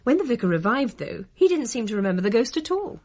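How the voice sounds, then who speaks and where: A woman's voice: on the high side, sing-song, fast, a little mellow, slight background noise. An actress playing a young adult daughter narrating her family's story in a radio play, in a dry, matter-of-fact way. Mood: calm.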